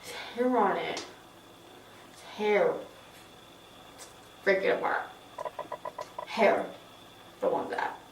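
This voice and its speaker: A woman's voice: medium pitch, slow, pauses often. A drunk woman giving a casual makeup tutorial, rambling in short fragments. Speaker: makeup vlogger. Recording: roomy echo, distant mic, noisy.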